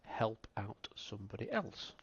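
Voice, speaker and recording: Gravelly guy running an online tabletop game, lots of ums, dull lo-fi mic. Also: lowish voice, very animated, slight background noise. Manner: halting, many fillers. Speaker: game master.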